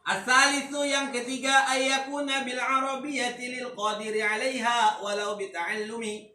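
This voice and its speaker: A man's voice: very high-pitched, measured pace. A man teaching a casual religious lesson, joking and dropping into Arabic recitation with slangy asides. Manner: relaxed, joking, mixes Arabic recitation with Jakarta-style slang. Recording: echoey room, distant mic, faint noise.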